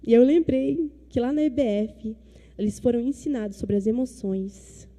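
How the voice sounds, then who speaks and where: A woman pastor in her thirties from Brazil delivers a sermon in a high, strikingly bright voice. She talks emphatically, repeating phrases and acting out little dialogues to drive each point home. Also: normal speed.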